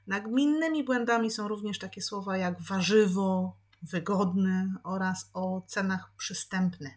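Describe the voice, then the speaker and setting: Slow, patient woman teaching pronunciation. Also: medium pitch. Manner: patient, repeats words slowly for practice. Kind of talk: podcast lesson.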